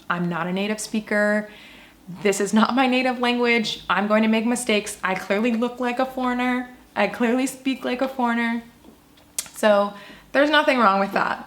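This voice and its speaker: A woman's voice: mid-range voice, a bit bright. Upbeat woman giving chatty learning tips. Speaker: language-learning YouTuber. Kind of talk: casual advice vlog.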